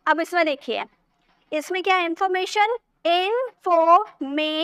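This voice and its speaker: A woman with a high voice teaches grammar in a patient classroom style. She says words slowly, syllable by syllable, and often checks that her students follow. The recording is close and dry, with no room echo. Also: a bit bright. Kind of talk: classroom lesson explaining rules.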